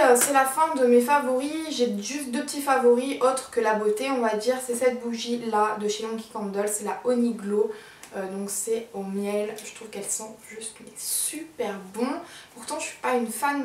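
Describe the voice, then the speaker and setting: Woman beauty vlogger, fairly high pitch, chatty and keen with lots of fillers; distant camera in an echoey home room. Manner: chatty and enthusiastic, hesitant with fillers. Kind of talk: casual monthly favorites review. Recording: roomy sound from a distance.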